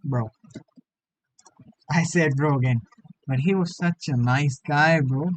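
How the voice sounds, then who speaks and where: A man, hosting a casual interview over a video call, slangy and quick to laugh. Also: on the high side, rough recording. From India. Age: 20s. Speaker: host.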